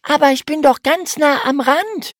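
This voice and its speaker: A woman voicing a lively young girl who cares about the sea, talking in a high, eager voice. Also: measured pace, no echo, studio quality. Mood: excited. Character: young girl, lively eco-minded sister.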